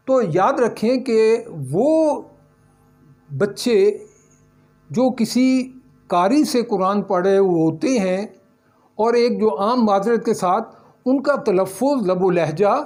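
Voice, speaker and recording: A man's voice: very high voice, darkish tone. Man teaching, quizzing and answering himself. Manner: asks the class questions and answers them himself, repeating key sounds. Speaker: English teacher. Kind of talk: recorded classroom lesson.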